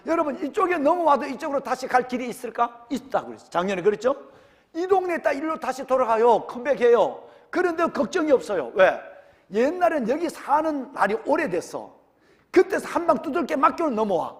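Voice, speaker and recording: A man's voice: very high-pitched, big pitch swings, brisk, long reverb tail. A male senior pastor with a Gyeongsang accent, preaching a sermon and firing rhetorical questions at his congregation. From Gyeongsang region, Korea. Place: church sanctuary.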